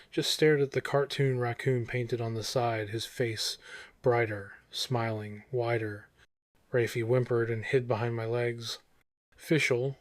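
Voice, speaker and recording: Male vintage horror narrator, scripted storytelling, unhurried pace, suspenseful short phrases, dry sound. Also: mid-range voice, no room sound.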